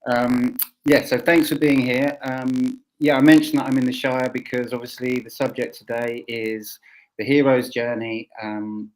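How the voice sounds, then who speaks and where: A man's voice: medium pitch, flat delivery, measured pace, poor audio. A man with a southern English accent hosting an informal roundtable, thinking aloud and often rephrasing. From Essex, England. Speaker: host.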